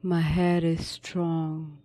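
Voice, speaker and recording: A woman narrates a guided sleep meditation, soothing and unhurried, leaving long pauses between short instructions. Her voice is low-pitched, dark, and level in tone.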